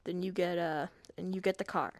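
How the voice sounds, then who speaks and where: A man's voice: sits high, fairly even intonation, moderate pace. A man talking through a casual screen-recorded game tutorial, hesitant and self-deprecating, with many fillers and restarts.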